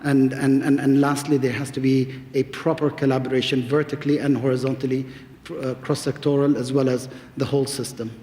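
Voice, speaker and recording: Male panelist, mid pitch, hesitant, roomy hall. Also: flat delivery, brisk, warm tone. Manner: hesitant, many fillers, then lists points. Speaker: panelist, doctor.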